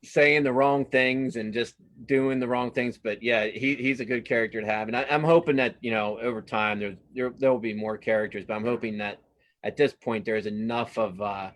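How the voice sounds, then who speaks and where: A cartoonist appears as a guest in a casual interview, talking modestly and haltingly and often repeating words while he thinks. His mid-range voice is steady and fairly bright.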